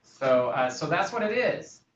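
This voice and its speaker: In a casual podcast discussion, a man who works as a real estate broker tells stories and acts out phone calls. His voice is on the high side, with big pitch swings and a measured pace. The recording sounds roomy, distant and dull, with faint noise.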